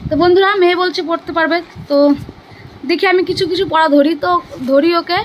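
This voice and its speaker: Very high-pitched young woman. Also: fast talker, lo-fi sound, slight background noise. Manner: coaxing, animated questioning. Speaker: vlogger and mother. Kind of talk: casual home vlog quizzing her child.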